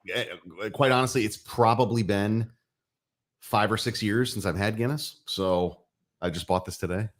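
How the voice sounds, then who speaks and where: A man co-hosting a relaxed chat about drinks. He has a very low voice and wanders through his thoughts with easy restarts. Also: normal speed. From Florida. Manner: easygoing, rambling, many restarts. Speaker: co-host. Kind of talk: casual chat.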